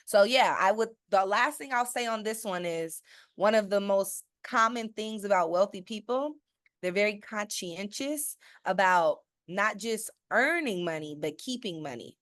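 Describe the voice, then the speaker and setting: A persuasive woman presents a sales-style webinar as a financial educator. She stresses her points and asks her listeners rhetorical questions, often tagging "okay?" onto her sentences. Her voice sits at an ordinary pitch and sounds dry and close, with no room echo. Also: expressive, unhurried, a bit bright. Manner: checks in with listeners with a frequent "okay?".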